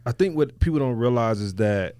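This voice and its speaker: A man's voice: mid-range voice, lively intonation, a little fast, dark tone, clear, resonant tone, dry recording. A man hosting a podcast, talking reflectively in loose, slangy, casual conversation. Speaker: podcast host.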